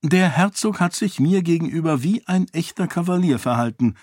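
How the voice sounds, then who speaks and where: A man voicing a sharp, proud young princess in an audiobook, speaking briskly and defiantly. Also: fairly high pitch, lively intonation, no echo, studio quality, voice pushed up. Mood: earnest.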